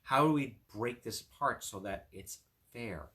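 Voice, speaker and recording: At an unhurried pace and medium pitch, his voice sounds pushed and bright as he reads a fairy tale. The speaker is an attorney who draws estate advice from the story in an informal, explanatory style.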